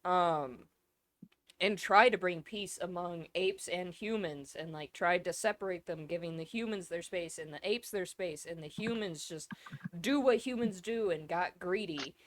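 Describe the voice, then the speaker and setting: Give me a lowish-voiced woman co-hosting a podcast, excitable and swearing. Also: a little slow. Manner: swears freely, excitable, rambling. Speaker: podcast co-host. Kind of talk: casual chat.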